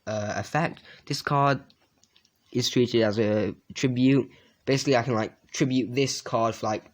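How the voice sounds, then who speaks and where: A man casually reviewing a trading card deck, reading card names aloud and adding quick asides with fillers. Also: medium pitch.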